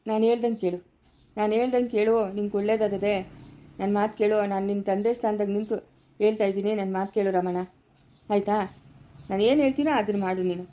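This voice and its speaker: Woman as a fatherly village elder, insistent and lecturing, mellow dark tone, mid pitch, Chikkaballapura Kannada. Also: steady tone, quick pace, pauses often, close to an everyday voice. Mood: firm. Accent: Kannada, Chikkaballapura area. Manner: insistent, lecturing, repeating lines. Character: older village man as father figure, firm. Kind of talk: amateur family village drama.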